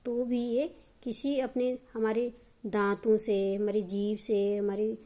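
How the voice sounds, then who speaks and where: A woman's voice: medium pitch, flat delivery, takes it slowly, warm tone. A woman teaching a grammar lesson, explaining step by step and answering her own questions.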